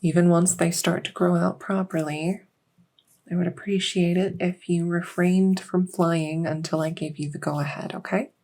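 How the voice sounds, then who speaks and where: An audio roleplay performer voices a gentle female fae doctor with buggy wings and a scaly tail in a soft-spoken ASMR medical roleplay. Her voice is lowish with fairly even intonation. She's unhurried and reassuring, with hesitant pauses, sometimes slipping toward a whisper.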